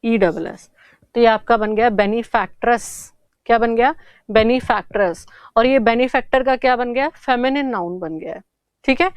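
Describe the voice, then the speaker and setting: A woman's voice: on the high side, normal speed, clean tone, no echo. A woman teaching an English grammar lesson for exam prep, explaining step by step and answering her own questions.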